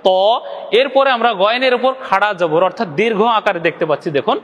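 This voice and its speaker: High-voiced man teaching recitation, reverberant. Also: animated, a bit bright. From Bangladesh. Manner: asks questions and answers them himself; drawn-out demonstration syllables. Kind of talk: step-by-step lesson.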